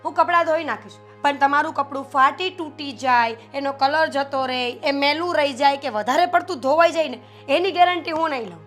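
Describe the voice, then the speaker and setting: A young woman playing a defiant, sharp-tongued wife who refuses and mocks. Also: sits high, brisk, few pauses, faint music behind. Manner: sarcastic, refusing, tart.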